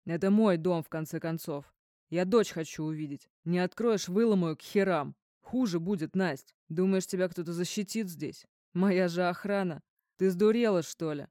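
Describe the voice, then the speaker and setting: A woman's voice: lowish voice, normal speed, warm tone, no echo, studio quality, natural voice. A woman voicing a drunk, jealous man who barks threats in an audiobook. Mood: shouting. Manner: barking, threatening.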